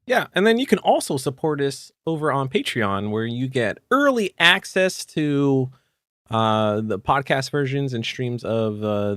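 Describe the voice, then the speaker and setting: On a podcast about tabletop game rules, the co-host, a man still hoarse and coughing from being sick, chats in an easygoing way with frequent fillers. His raspy voice is mid-range and a bit bright, recorded at studio quality without any room sound.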